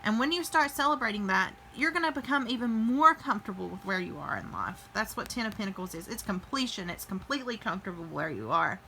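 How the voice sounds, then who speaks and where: A woman's voice: mid-range voice, animated, fast, creaky, hardly any pauses, bright, forceful tone, a little hiss or hum, rough recording. A woman giving a casual tarot reading to her viewers, chatty and thinking aloud with fillers and restarts. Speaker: tarot reader.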